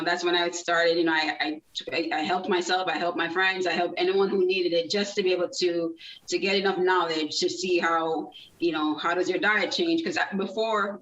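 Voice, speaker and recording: A woman's voice: on the low side, fairly bright tone. A woman in her thirties from Jamaica, guest in an interview, telling her story in a chatty way with many fillers and restarts. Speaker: guest, nonprofit founder. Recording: distant, dull, roomy sound.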